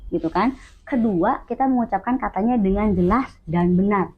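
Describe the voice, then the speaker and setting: A woman with a Sundanese lilt talks through her points as an interview guest. Her voice sits at an ordinary middle pitch, and she explains in an earnest, teacherly manner, as if guiding a student. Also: moderate pace, slightly rough, phone-quality sound. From West Java, Indonesia. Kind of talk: conversational explaining.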